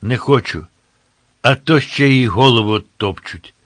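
A man voicing a young man at a market who speaks in a hushed, half-whispered way, in an audiobook. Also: medium pitch, measured pace, no echo, natural voice. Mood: grumbling.

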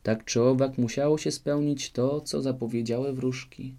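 A brisk fairy speaks in a calm, matter-of-fact way, as a man puts her on. The voice stays low, dark and gravelly. It belongs to a fairy-tale storybook reading. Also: natural voice. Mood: calm assured. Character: brisk cheerful fairy godmother, woman.

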